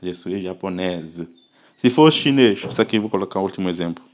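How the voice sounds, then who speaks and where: A man's voice: low voice, lively intonation, darkish tone. A man from Africa giving a casual language lesson, patiently repeating and drawing out example phrases and often checking that listeners are following. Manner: patient, repetitive, checks understanding with "tá vendo?"; slowly drawn-out example phrases. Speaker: language teacher.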